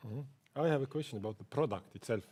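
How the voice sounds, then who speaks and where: A man asking an unscripted question as a judge, halting and repeating words as he searches for phrasing. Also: medium pitch, mellow. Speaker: pitch judge.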